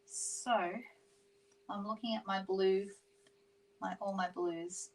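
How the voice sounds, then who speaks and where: A woman's voice: mid-range voice, steady tone, slow, a little hiss or hum, rough recording. Chatty Australian woman hosting a craft livestream. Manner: chatty, reads out viewer comments, self-correcting. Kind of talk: casual live craft demonstration.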